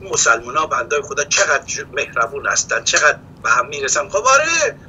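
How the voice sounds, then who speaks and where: A man's voice: mid-range voice, a little hiss or hum, low-quality recording. A man speaking as a studio guest, giving impassioned commentary and acting out quoted dialogue as he tells a story. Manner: animated, acts out quoted dialogue.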